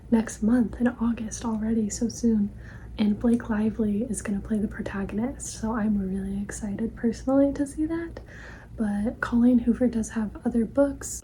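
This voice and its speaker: Casting: woman playing a polite, helpful librarian, ASMR ASMR role-play, soft breathy library soft voice, very dark mellow tone, faint background noise. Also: on the high side, natural voice, poor audio. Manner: gentle, hushed, attentive customer-service talk. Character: helpful, polite female librarian recommending books to a customer.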